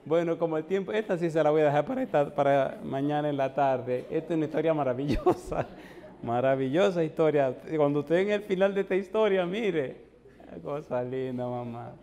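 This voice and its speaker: In a church hall before an audience, a pastor delivers a storytelling sermon, spinning a long tale and acting out its dialogue. His voice is on the high side and mellow, moving at a moderate pace.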